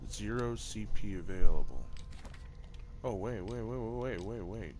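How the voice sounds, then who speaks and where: A man's voice: fairly low pitch, expressive, unhurried, noisy background. A man giving casual, reactive gameplay commentary, informally talking to himself and to the game as he plays. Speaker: gamer. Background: game music.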